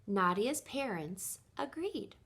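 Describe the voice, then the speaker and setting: Reading a picture book for kids in a teacherly style, a woman speaks at a medium pitch and leans into the story with deliberate, expressive emphasis.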